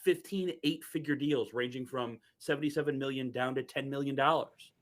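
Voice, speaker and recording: A man's voice: medium pitch, steady tone, brisk. A man on a sports podcast panel, ranting bluntly in casual chat.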